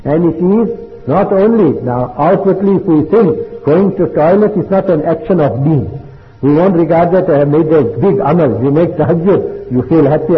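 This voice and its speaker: Echoey tinny recording of a male preacher. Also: fairly high pitch. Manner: earnest preaching mixing English with Urdu and Arabic terms. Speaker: Islamic preacher. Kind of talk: sermon. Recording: echoey hall on a tinny line.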